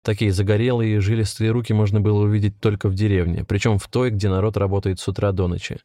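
A man reading a story aloud in a steady, measured audiobook narration on a close mic. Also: fairly low pitch, dry recording.

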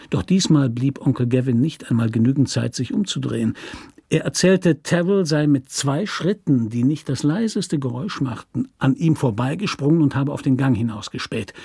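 A man narrating a literary crime story for a radio drama in a measured, even storytelling manner. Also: mid-range voice, vocal fry, breathy edge, dry recording, clean studio sound.

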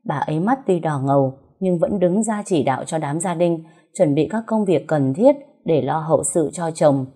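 A woman with a low, mellow voice tells a dramatic story. Her delivery is calm and measured, with a slightly husky edge. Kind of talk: scripted story narration.

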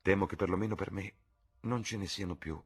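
A man's voice: deep voice, a little fast, husky, voice pushed up. A man reading as a drawling cynical aristocrat. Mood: languid. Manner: drawling, ironic epigrams. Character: witty cynical aristocratic gentleman, languid and ironic. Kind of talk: audiobook reading.

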